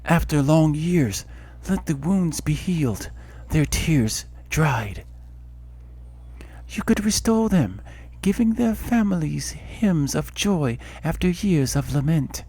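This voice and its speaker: A man voicing a solemn, commanding goddess in a fantasy game, with measured, poetic delivery. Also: a little high, expressive, dark tone, breathy edge, pitched above the performer's own voice, full character voice. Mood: solemn, hopeful. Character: solemn, commanding goddess speaking through birdsong and wind. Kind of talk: amateur voice acting in a fantasy game.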